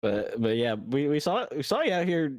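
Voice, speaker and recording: A man's voice: on the high side, sing-song, moderate pace, no echo. Man interviewing casually, in a dry room. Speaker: race broadcast interviewer. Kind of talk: casual post-race interview.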